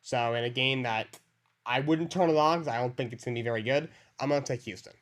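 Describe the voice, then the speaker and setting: A man's voice: medium pitch, fast talker, fairly bright tone. A man co-hosting a casual sports podcast, reading out matchups and giving his picks.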